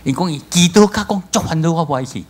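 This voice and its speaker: A male pastor with a Taiwanese accent preaching a sermon, telling stories with lively acted-out voices. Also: a little high, fast talker. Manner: animated storytelling, acts out voices, laughs.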